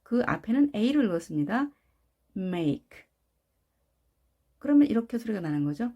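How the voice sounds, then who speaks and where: A woman teaching English pronunciation, slowly drilling single sounds and words. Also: medium pitch, very animated, dark tone. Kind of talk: instructional explanation with spoken drills.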